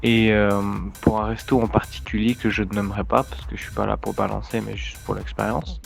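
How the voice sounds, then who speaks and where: Gravelly man leaving a casual voice note. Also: fairly low pitch, fairly quick, faint music behind. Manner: casual, animated retelling with acted dialogue. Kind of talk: voice message anecdote.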